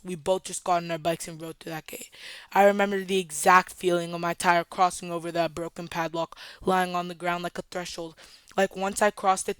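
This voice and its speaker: A woman's voice: lowish voice, smooth, dry recording. A woman telling a story in a storytime vlog, in a dramatic, chatty way that speaks straight to viewers. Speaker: storytime vlogger.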